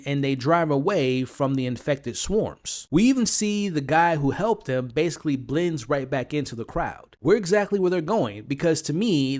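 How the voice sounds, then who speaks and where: A man's voice: on the high side, a little mellow. Man narrating a scripted recap. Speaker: video host recapping a TV series.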